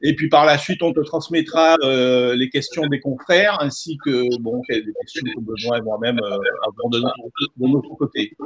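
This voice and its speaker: A man co-hosting a live online chat, halting and repeating words with many fillers. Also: mid-range voice, breathy edge. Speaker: co-host.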